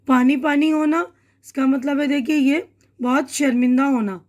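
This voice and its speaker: A woman's voice: high voice, steady tone, a little mellow. A woman teacher with an Indian Urdu accent, patiently explaining a school lesson to children and correcting her own slips. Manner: patient, repeats and corrects herself.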